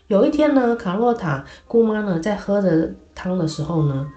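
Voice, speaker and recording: A woman's voice: mid-range voice, animated, normal speed, dark tone, roomy sound, highs cut off, faint music behind. A woman telling a children's story in a chatty way, with many filler particles.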